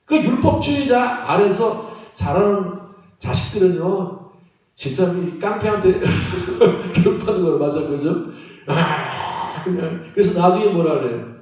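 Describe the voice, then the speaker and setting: A man preaching a sermon as pastor, animated and laughing often, often checking in with the congregation. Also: sits high, measured pace. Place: church sanctuary. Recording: echoey church hall from far off.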